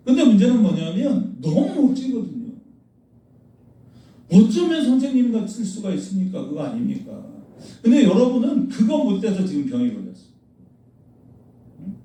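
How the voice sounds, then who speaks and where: High-pitched and dark in tone, a man delivers a sermon as pastor in a church sanctuary. He scolds the congregation bluntly with a stream of rhetorical questions, recorded by a far-off mic in the echoing hall.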